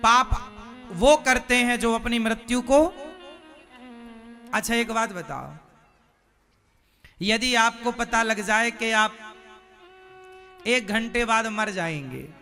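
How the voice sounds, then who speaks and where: Man preaching a devotional sermon, high voice, animated storytelling, soft violin music behind. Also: takes it slowly, long pauses. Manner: animated storyteller, acting out characters and questioning the audience.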